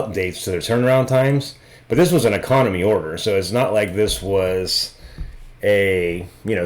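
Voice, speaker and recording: A man hosting a casual video review of trading cards, talking loosely and thinking aloud as he goes. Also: low-pitched. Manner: loose and conversational, thinking aloud with frequent restarts. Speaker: trading card reviewer and host.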